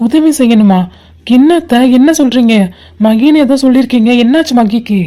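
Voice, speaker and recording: A polite, concerned young son in a cartoon, voiced by a woman. He talks fast in a mellow, slightly high voice. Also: close to an everyday voice. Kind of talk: cartoon voice acting.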